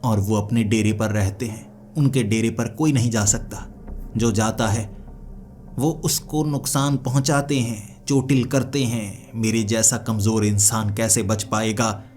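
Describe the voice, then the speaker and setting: A man telling a dramatic first-person story, lively in his delivery and slipping into other characters' voices. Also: on the low side, unhurried.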